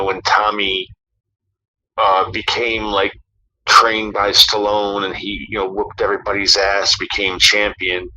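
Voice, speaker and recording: A man's voice: lowish voice, bright, forceful tone, slight background noise, low-quality recording. A man co-hosting a casual podcast, rambling through a story with many fillers and some swearing. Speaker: podcast co-host.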